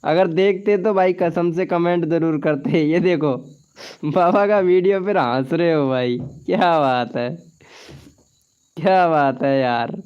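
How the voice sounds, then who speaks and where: A man's voice: fairly high pitch, clear, resonant tone. A man hosting a casual live stream, chatting and joking with viewers, often laughing and swearing by oath. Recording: dull lo-fi stream audio.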